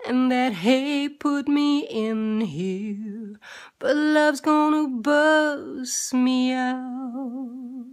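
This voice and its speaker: Guest singer from the UK, woman, high voice, very slow delivery. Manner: slow, drawn-out singing. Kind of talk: sung performance.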